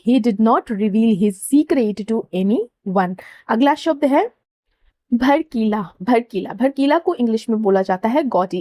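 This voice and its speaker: Mellow-voiced woman teaching vocabulary. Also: a little high, dry recording. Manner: patient, repeats key words and checks understanding. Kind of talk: explaining word meanings.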